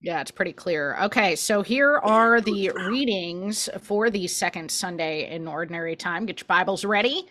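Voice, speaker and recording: A woman's voice: medium pitch, normal speed, hardly any pauses, fairly bright tone. A woman co-hosting in a casual, conversational style and announcing scripture readings. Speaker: co-host.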